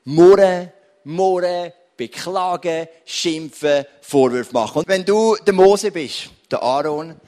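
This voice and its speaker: A man preaching a sermon, repeating key words for emphasis. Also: a little high. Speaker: pastor.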